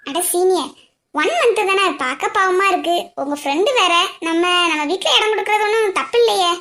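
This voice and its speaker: Woman doing a squeaky-high eager young bride, sweet and chatty, cartoon. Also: moderate pace, fairly bright tone. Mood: cheerful. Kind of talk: cartoon voice acting.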